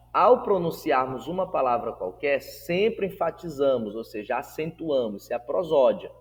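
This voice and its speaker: A man's voice: mid-range voice, in a large hall. A man teaching a Portuguese grammar lesson. He stretches words out syllable by syllable when modelling them and checks in with his students through questions. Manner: asks the class rhetorical check-in questions. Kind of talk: recorded classroom lesson.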